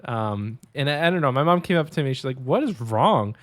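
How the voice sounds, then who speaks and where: Lively, hesitant man on a dry mic. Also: medium pitch, fast, clear, resonant tone, no echo. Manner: lively, hesitant, many ums. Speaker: podcast co-host. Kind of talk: casual storytelling chat.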